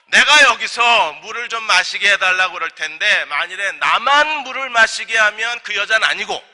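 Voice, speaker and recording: A man's voice: high voice, animated, normal speed, sharp tone, heavily acted. A pastor acting out an old male servant who anxiously pleads in prayer, his voice rising and emphatic. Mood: pleading. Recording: long church hall reverb.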